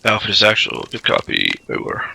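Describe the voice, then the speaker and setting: A man's voice: fairly low pitch, huge pitch swings, brisk, creaky, pushed and bright. A man acting as commander, heard over in-game radio, giving clipped radio procedure in a military co-op game. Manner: clipped radio call-and-response.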